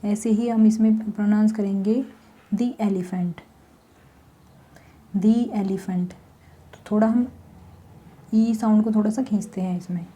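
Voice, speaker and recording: A woman teaching a grammar lesson, slowly explaining step by step with examples. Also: medium pitch, dark tone.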